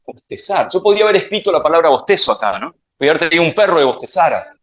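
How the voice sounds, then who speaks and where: A man's voice: on the high side, sing-song, rapid-fire, a bit bright. A man with an Argentine accent giving a playful public science talk, quizzing the audience with questions. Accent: Argentine Spanish. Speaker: science speaker.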